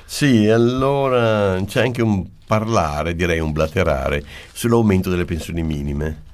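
A man's voice: sits low, measured pace. A man co-hosting a radio press review, making sardonic, dismissive remarks. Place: radio studio.

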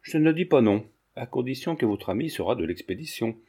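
A man voicing a haughty foreign countess who speaks in a cool, measured, dismissive way. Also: medium pitch, lively intonation, mellow, breathy edge.

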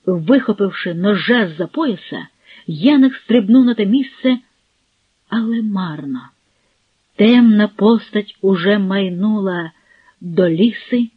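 Husky woman reading an audiobook. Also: medium pitch, no echo. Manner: expressive storytelling. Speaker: narrator. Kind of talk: audiobook narration. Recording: phone-like, dry, husky.

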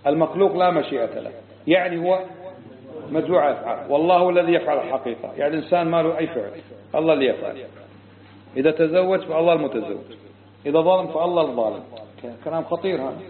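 A man's voice: fairly high pitch, animated, racing. A man teaching a religious creed class, emphatic and firing rhetorical questions at his students. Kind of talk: religious lesson. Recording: tinny phone-like lo-fi recording.

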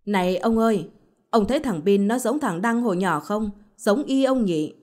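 A woman voicing an angry older mother-in-law with a shrill, accusing way of scolding, in a storybook reading. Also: animated, moderate pace, darkish tone, lightly acted. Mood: coaxing.

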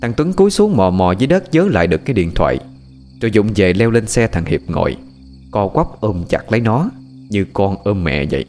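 A man narrating a ghost story in a lively, expressive way. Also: on the low side, a little fast. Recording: faint music and night crickets behind.

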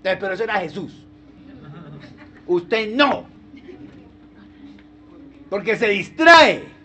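A man pastor preaching a sermon in a lively, humorous way, full of rhetorical questions. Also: high-pitched, slow, husky.

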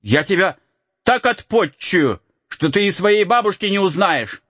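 A man's voice: a little high, very animated, unhurried, no echo, dull audio, voice pushed up. A man voicing a cheeky runaway boy from the woods who teases and cackles in a raised voice. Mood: threatening. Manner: teasing, cackling, folksy. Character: mocking cheeky forest boy, laughing runaway.

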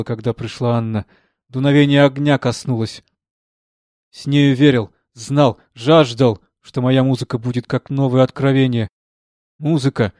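A man's voice: medium pitch, no room sound, studio quality, natural voice. A man voicing a drunk, broken older composer in an audiobook, his delivery anguished and desperate. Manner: anguished confession rising to frantic shouting. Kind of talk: audiobook character reading.

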